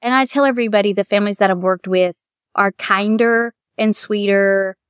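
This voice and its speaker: A middle-aged woman with a Kentucky accent, a bridal shop owner talking warmly and at length in a casual interview. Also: mid-range voice, moderate pace, smooth, no room sound, studio quality. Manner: chatty, heartfelt, quotes others in lively voices.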